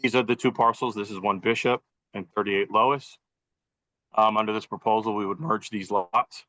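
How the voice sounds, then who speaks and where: A man's voice: lowish voice, steady tone, moderate pace, sharp tone, no room sound. A man, a professional engineer, joining by video call over poor Wi-Fi, methodically walking a meeting through a site plan. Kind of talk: formal presentation at a public meeting. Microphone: computer audio on a video call. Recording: dull lo-fi video call audio, dry.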